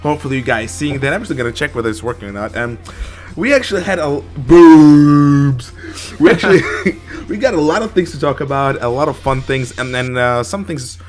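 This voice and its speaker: A man's voice: medium pitch, fast, hardly any pauses, fairly bright tone. Young male co-host from Ukraine, Russian accent, jokey crude rambling gamer chat, faint music under. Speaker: podcast co-host. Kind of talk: casual gaming-stream chat.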